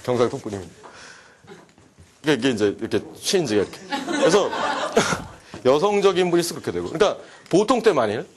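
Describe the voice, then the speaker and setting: A man giving a humorous psychology lecture to a class, animated and joking, often acting out quoted dialogue. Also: mid-range voice, a little fast, crowd noise. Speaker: university lecturer.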